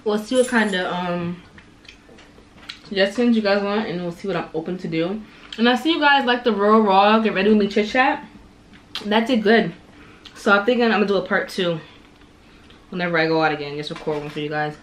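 A young woman talks casually to her viewers between bites of food, recorded on a camera set close by on her kitchen table. Her voice sits at an ordinary pitch for a woman. A faint hum of the room stays in the background. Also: brisk, long pauses, rough recording. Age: young adult. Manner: chatty, eats on camera between remarks. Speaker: vlogger. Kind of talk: casual chat while eating. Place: home kitchen, indoors. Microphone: camera on table at close range.

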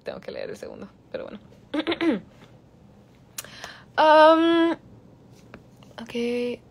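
A woman's voice: medium pitch, wildly swooping pitch, a little fast, gravelly, darkish tone, husky. A young woman answering fan questions on a phone livestream, switching between Spanish and English with frequent laughs. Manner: bilingual, giggly, chatty, reads questions aloud. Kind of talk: casual livestream Q&A.

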